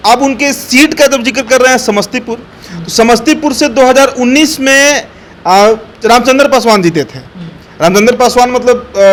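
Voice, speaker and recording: A man's voice: very high voice, fairly bright tone. A man giving political commentary, assertive and explaining step by step with frequent fillers. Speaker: political analyst.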